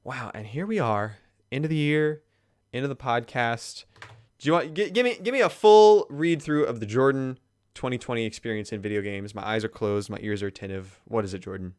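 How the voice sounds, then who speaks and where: A man with a smooth, resonant voice co-hosts a relaxed gaming podcast. He talks casually and laughs often, and his tone turns earnest when he thanks listeners. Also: mid-range voice, fairly quick. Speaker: podcast co-host.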